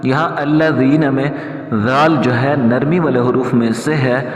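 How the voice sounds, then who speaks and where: A man teaching Quran recitation, who explains each mistake in plain talk and then chants the verse slowly and drawn out. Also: medium pitch, fairly even intonation. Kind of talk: tajweed lesson with chanted recitation. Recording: echoey hall.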